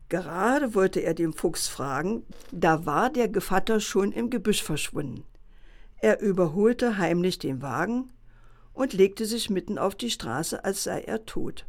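A woman reads a fairy tale aloud for children at an unhurried pace. Her delivery is calm and expressive, with an even mid pitch. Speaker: storyteller. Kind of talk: children's bedtime story reading.

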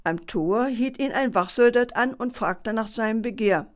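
A woman calmly reading a bedtime story aloud in a gentle, measured way. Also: fairly high pitch.

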